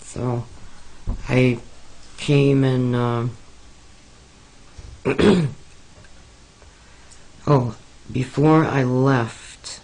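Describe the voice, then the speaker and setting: Slow, halting man telling his story. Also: medium pitch, fairly even intonation, gravelly, darkish tone, low-quality recording. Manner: hesitant, many pauses and fillers. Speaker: interviewee recounting experiences. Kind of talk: slow, halting personal account.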